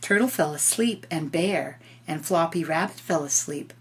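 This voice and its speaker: Speaking at a moderate pace in a low-pitched voice, an older woman reads a picture book to a child as a grandmother would, explaining gently and slipping in casual asides.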